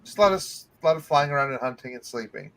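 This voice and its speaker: A man's voice: medium pitch, lively intonation, rapid-fire, vocal fry, fairly bright tone. A man playing a tabletop role-playing game, talking casually with hesitant, conversational phrasing. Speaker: player.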